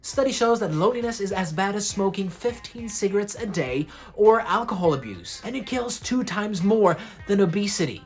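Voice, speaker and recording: A woman hosting a comedic explainer video, delivering facts with jokey asides in a lower voice. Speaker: host.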